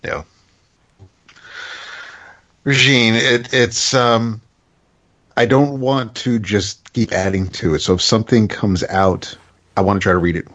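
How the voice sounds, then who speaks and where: A man co-hosting a casual comics podcast over a remote call, speaking haltingly and repeating words as he searches for them, while his audio glitches and breaks up. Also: on the low side, steady tone, fairly bright tone. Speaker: podcast co-host. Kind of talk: casual chat reviewing comics. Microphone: remote video call.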